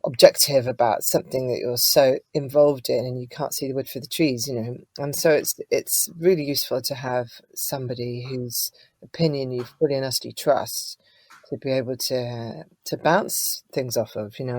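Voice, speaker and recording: A woman's voice: rumbling low, steady tone, moderate pace, no echo. Chatty woman, dry close sound. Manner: chatty, warm storytelling with frequent fillers. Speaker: singer-songwriter guest. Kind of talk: casual interview chat.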